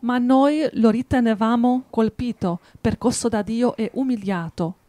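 A woman reading Bible verses aloud and praying in a steady, measured way. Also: on the high side, no echo. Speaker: scripture reader, co-host.

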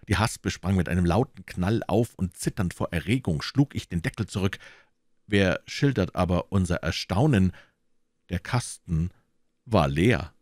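A man narrating a classic detective novel as an audiobook in a measured, storytelling manner. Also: sits low, darkish tone, dry recording, clean studio sound. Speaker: audiobook reader.

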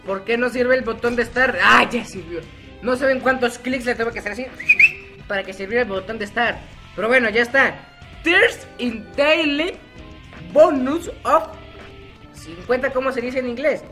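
A man's voice: extremely high pitch, fast talker, bright, forceful tone, faint music behind. A young man giving casual, self-mocking gameplay commentary, chatty and laughing often. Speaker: gaming YouTuber.

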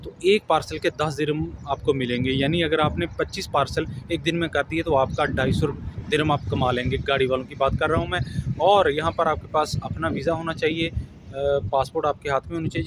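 A man, giving earnest job advice to viewers in a casual vlog, recorded outdoors on a camera held at arm's length. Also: fairly high pitch. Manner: earnest, advising, addresses viewers as friends. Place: outdoors on a grassy lawn by buildings. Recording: outdoor ambience with traffic noise.

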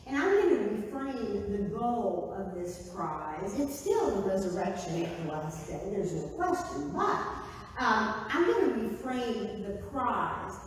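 A woman's voice: mid-range voice, slow, a little hiss or hum. Female pastor, 60s, chatty sermon delivery, recorded from afar in a reverberant sanctuary. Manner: conversational, animated, gestures while preaching. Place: church sanctuary, indoors. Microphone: far camera. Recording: echoey sanctuary from far off.

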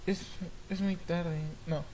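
A woman voicing a stern, cold father figure in a video game, speaking low and measured. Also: fairly even intonation, slight background noise, rough recording. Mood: soothing. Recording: loud game music behind voice.

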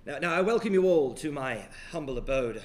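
A man voicing a gruff, fearful wealthy gentleman in a live tabletop horror play, formal and stammering, with an Australian accent. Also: fairly high pitch, lively intonation, a little fast, close to an everyday voice.

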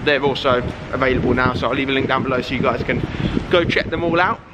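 A twenty-something man with a southern English accent chats informally and fast into a vlog camera held at arm's length, moving between a parked car, city streets and shops. His voice is mid-range, and heavy background noise surrounds him.

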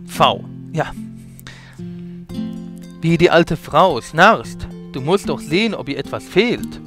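A man's voice: fairly high pitch, lively intonation, takes it slowly, music in the background. Plain, blunt hunter, read by a man. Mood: gruff. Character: gruff male hunter.

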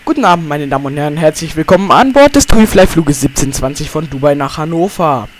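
A man's voice: on the high side, animated, quick pace, slight background noise. A man making a formal cabin announcement as an airline pilot from the cockpit, reading it out and stumbling over the flight numbers.

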